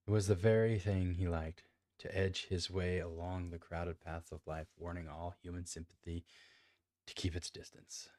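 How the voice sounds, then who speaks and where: Deep-voiced man reading a story aloud. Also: level tone, normal speed, a little mellow, no room sound. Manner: stumbles, restarts lines and comments on his own reading. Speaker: amateur reader. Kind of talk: reading a classic novel aloud.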